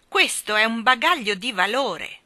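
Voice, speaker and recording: A woman voicing a stern, domineering old spinster who scolds in a booming voice. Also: sing-song, normal speed, sharp tone, dry recording, exaggerated voice. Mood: scolding.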